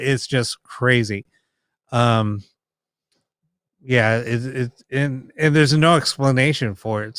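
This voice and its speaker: A man with a mid-range, fairly bright, clear and resonant voice hosts a ghost box session live stream, recorded with clean studio sound and no room sound. He chats casually with viewers, explaining things in a rambling, informal way.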